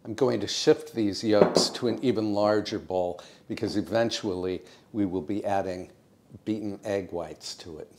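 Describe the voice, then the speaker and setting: An older American man hosting a home cooking show, explaining each step in a calm, precise, gently encouraging way in his kitchen. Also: fairly low pitch, moderate pace. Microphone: lapel mic.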